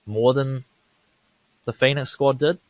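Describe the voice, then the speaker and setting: A man's voice: mid-range voice, steady tone, takes it slowly, no echo. A man, co-hosting a casual sports podcast, talking conversationally and checking in with tag questions. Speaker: podcast co-host.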